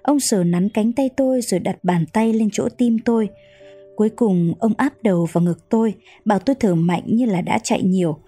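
A woman reading a novel aloud as narrator, in a calm, measured storytelling manner. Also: mid-range voice, faint music behind. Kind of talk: audiobook narration.

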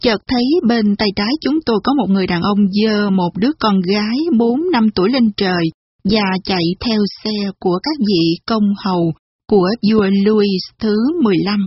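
A woman narrating a storybook in a slow, measured reading voice. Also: mid-range voice, husky, no room sound. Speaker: audiobook narrator. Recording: dull lo-fi recording with faint music. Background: faint background music.

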